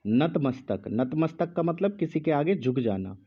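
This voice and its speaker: Slow, deliberate male teacher. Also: on the high side, expressive, breathy edge, lo-fi sound. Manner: speaks slowly with pauses, repeats each word. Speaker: Hindi teacher. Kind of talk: slow dictation lesson.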